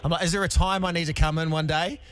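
A man's voice: a little high, fairly even intonation, quick pace, fairly bright tone, a little hiss or hum. A male radio co-host with a New Zealand accent, bantering casually in a hesitant, self-deprecating way.

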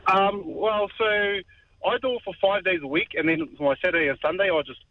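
A man's voice: high voice, steady tone, moderate pace. A man chatting casually as a radio caller over a dull phone line. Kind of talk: casual chat.

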